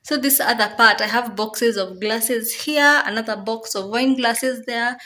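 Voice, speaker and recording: A woman's voice: a little high, a little slow, pushed and bright. A woman vlogger with a Kenyan accent, casually explaining things step by step and repeating her phrases as she goes. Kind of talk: casual home tour explanation.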